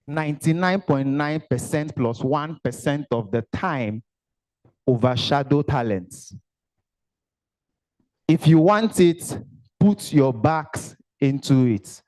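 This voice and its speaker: At a career summit in an event hall, a young Nigerian-accented motivational speaker gives an animated talk, slipping in Pidgin asides and bantering with the crowd. His voice is mid-range, and the audio quality is poor.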